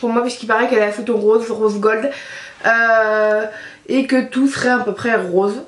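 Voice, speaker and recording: Chatty French-speaking woman, slightly high, echoey. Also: fairly even intonation, moderate pace. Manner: chatty, lots of hesitations. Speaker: beauty vlogger. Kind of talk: casual product review.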